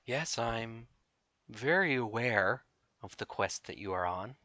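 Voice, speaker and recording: A man voicing a gentle male creator-god who paints, speaking calmly and softly. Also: medium pitch, slow pace, dry recording. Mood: serene.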